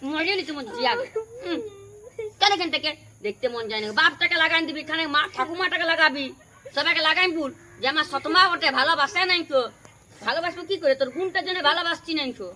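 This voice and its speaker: A woman's voice: high-pitched, slight background noise. A woman with a Purulia Bengali accent playing a quarrelsome young stepmother in a village drama. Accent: Purulia Bengali dialect. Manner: sharp, scolding, quarrelsome. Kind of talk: village home drama acting.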